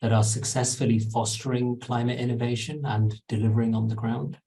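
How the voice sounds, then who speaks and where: A man's voice: mid-range voice, little pitch movement, brisk, mellow, slight background noise, poor audio. A man from Bangladesh moderating a panel, asking questions politely with small restarts. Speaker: host, moderator.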